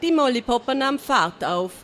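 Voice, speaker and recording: A woman reading a children's adventure story aloud in a lively, expressive way, with small slips. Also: high-pitched, normal speed, a faint crowd, slight background noise.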